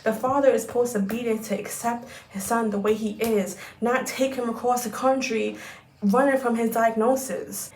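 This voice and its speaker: A woman vlogger giving a ranting film recap, animated, exasperated and profane. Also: fairly high pitch, reverberant.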